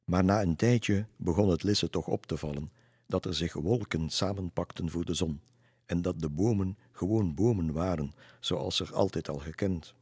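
A man reads a children's storybook in a calm, measured way. His voice is very deep with a husky edge. The recording is dry and close. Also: no echo. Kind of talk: storybook narration.

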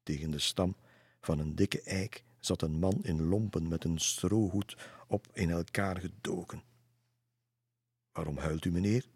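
A man reads a children's storybook in a calm, measured way. His voice is very deep with a husky edge. The recording is dry and close. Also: dry recording. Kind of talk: storybook narration.

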